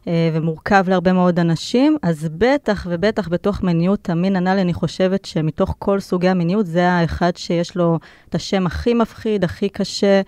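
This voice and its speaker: A woman's voice: on the low side, darkish tone, clean tone, no room sound. A woman guest on a studio podcast, a sexuality educator who explains with enthusiasm and many fillers. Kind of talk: casual podcast interview.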